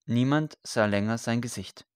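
A male audiobook narrator reading a story in a measured, steady manner. His voice sits at a middle pitch. The recording is dry and close. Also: clear, resonant tone, no room sound.

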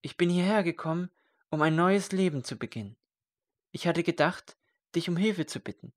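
A man's voice: a little high, animated, normal speed, voice pushed up, close to an everyday voice. A man voicing a distraught young scribe. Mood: earnest. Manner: anguished, crying out. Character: distraught young male scribe, grief-stricken.

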